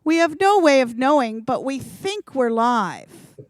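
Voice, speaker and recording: A woman informally introducing a live stream as its host, halting and effusive in an excitable way. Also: high-pitched, dry recording, clean studio sound. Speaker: event host and organiser.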